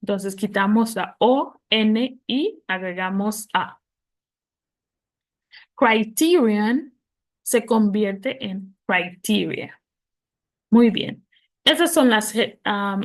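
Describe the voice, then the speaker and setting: Slow, patient woman teaching English plurals. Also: medium pitch. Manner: patient, spells out letters, models English words slowly. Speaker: English teacher for Spanish speakers. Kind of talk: explaining plural noun rules.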